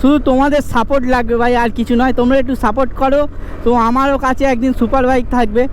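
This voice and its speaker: A man's voice: extremely high pitch, little pitch movement, very fast. A young man vlogs casually to viewers from inside a motorbike helmet, chatty and informal, out riding in traffic. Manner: informal, chatty, frequently addresses viewers as brother. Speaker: motovlogger. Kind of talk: casual ride-along vlog chat to viewers. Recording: enclosed helmet sound, noisy traffic and engine.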